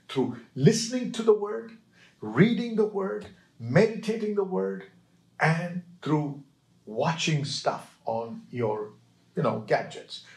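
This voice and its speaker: A man preaching a sermon with emphasis, quoting scripture and checking in with his listeners. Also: fairly high pitch. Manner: emphatic, slow, with call-and-response checks to the listeners.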